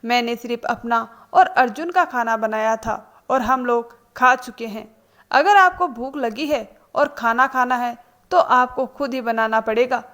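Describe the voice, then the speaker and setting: Woman voicing a calm, firm young daughter-in-law. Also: fairly high pitch. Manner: cool and measured.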